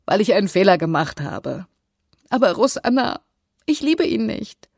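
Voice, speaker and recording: A weary young woman speaks through tears with quiet resignation, as the audiobook reader voices her. The voice is husky with a gravelly edge. It sounds close and dry. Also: medium pitch, a little slow, dry recording, heavily acted. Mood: tearful. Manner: tearful, resigned. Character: young woman, tearful weary older sister. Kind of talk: audiobook character voice.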